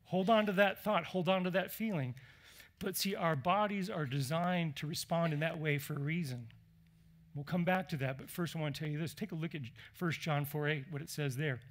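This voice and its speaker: A man preaching a sermon as pastor, animated and conversational, putting questions to the congregation. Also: a little high, a little fast. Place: church.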